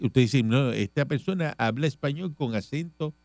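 A man's voice: mid-range voice, moderate pace, gravelly, a little mellow, dry recording. A man with a Cuban accent hosting a talk radio show, bossy and pompous as he lectures his sidekick. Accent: Cuban Spanish. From Cuba. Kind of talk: comedic talk radio banter.

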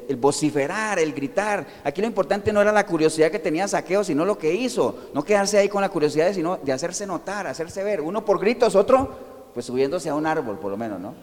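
A man's voice: high-pitched, a little mellow, big-room sound. A man preaching a sermon, asking the congregation questions and answering them himself.

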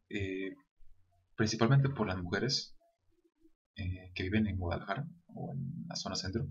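A young man with a Mexican accent, earnestly telling a personal anecdote straight to his viewers. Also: fairly low pitch. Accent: Mexican Spanish. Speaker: vlogger. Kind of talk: casual storytelling to camera. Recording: dull lo-fi sound.

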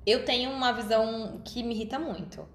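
A woman's voice: on the high side, fairly quick. Chatty Brazilian woman in an echoey room. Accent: Brazilian Portuguese. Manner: chatty and self-questioning. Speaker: podcast co-host. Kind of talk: casual chat among friends. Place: friend's home. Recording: roomy home recording, faint hiss.

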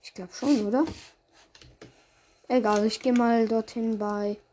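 A woman's voice: fairly high pitch, fairly even intonation, a little slow, mellow. A woman giving casual live commentary on her own gameplay, reacting aloud in short bursts. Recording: clear background noise, keyboard clicks.

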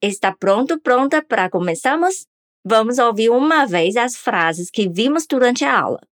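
A woman's voice: on the high side, animated, normal speed, no room sound, clean studio sound. A woman teaching a pronunciation lesson on a podcast, upbeat and coaxing listeners to repeat after her. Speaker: language teacher.

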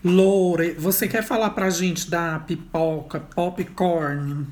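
A woman hosting a casual podcast chat, a lively storyteller who drives the conversation with questions. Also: on the low side, takes it slowly. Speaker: podcast host.

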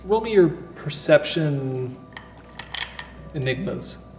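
A game master narrates a tabletop role-playing game at a middle pitch. The voice rings in a roomy, reverberant space, with music clearly behind it. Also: lively intonation, slow pace. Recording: echoey hall, music behind.

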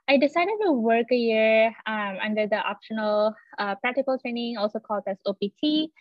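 A woman's voice: on the high side, dry recording, muffled recording. A young woman from Malaysia, a graduate student guest on a podcast, speaking steadily with "um" fillers. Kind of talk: casual interview talk.

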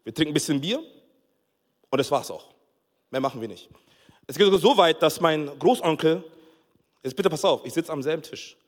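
A man with a fairly high voice tells a story from the pulpit, acting out the voices of his family and breaking into laughter. His sermon rings through a church hall with a long reverb tail, and his delivery rises and falls with the story. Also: brisk, pauses often. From Togo. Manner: animated storyteller, acts out family dialogue, laughs often. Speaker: pastor.

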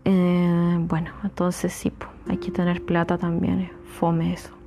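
A woman's voice: fairly low pitch, completely flat delivery, a little slow, creaky, over music. A woman with a Chilean accent, a psychologist hosting a podcast, talking casually and earnestly, repeating her advice to urge listeners. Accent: Chilean Spanish.

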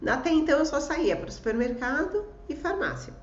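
A woman telling a personal story in a casual conversation, animated, acting out the voices she quotes and laughing often. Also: sits high, brisk, roomy sound, highs cut off.

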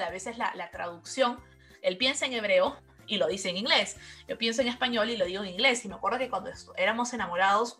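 A Peruvian woman speaks as an interview guest in a bright, forward voice, with her Peruvian Spanish accent clear in her speech. She tells anecdotes in a casual, lively way, often quoting what her partner said back to her. Faint music plays behind her. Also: medium pitch. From Peru. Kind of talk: casual conversational storytelling.

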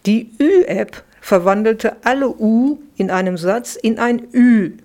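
A woman, the author, reading her children's bedtime story aloud, giving the children lively little voices. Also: on the high side, slow.

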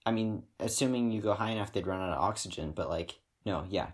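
A woman with an unusually deep, husky voice talks casually on a podcast. She explains things in a dry, matter-of-fact way, with a low, grainy tone. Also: fast talker. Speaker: podcast co-host. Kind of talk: casual chat.

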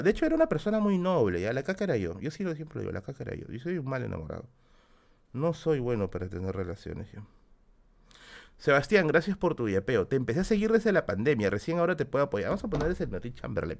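A young Peruvian man hosts a late-night stream, reading out donations and comments. He is chatty and pokes fun at himself, in a mid-pitched voice that swings widely. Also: gravelly. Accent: Peruvian Spanish. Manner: chatty and self-deprecating, reads out donations and comments. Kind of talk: casual late-night livestream chat.

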